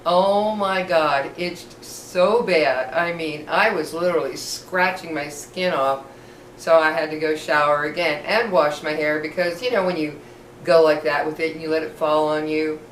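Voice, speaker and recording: A middle-aged woman chats casually to her viewers in a rambling, self-deprecating way. Missing teeth make her speech slightly slurred, with soft F sounds. She sounds set back from the mic in an echoey room, with faint noise behind her. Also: deep voice, fairly even intonation, moderate pace, distant mic. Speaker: vlogger. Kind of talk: casual rambling personal storytelling to camera.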